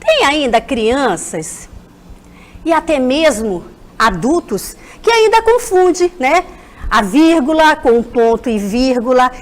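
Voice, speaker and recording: Lively high-voiced Brazilian woman teacher. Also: slow. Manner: animated, keeps addressing the children directly. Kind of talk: televised school lesson for children.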